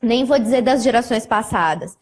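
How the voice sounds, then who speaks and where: A woman's voice: on the high side, animated, moderate pace. A woman, a psychologist hosting a live stream, explaining ideas with acted examples of what clients say. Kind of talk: explanatory conversation.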